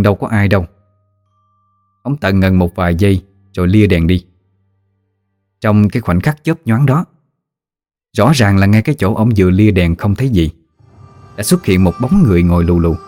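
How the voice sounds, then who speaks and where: A man with a Southern Vietnamese accent narrating a ghost story in a lively, folksy storytelling manner. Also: on the low side, dry recording.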